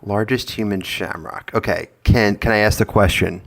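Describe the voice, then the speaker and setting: A young man from Long Island co-hosts a casual podcast in a fairly low voice. He chimes in with wry, teasing questions and dry asides. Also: fairly even intonation, moderate pace, vocal fry. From Long Island, New York. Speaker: podcast co-host. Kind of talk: casual chat.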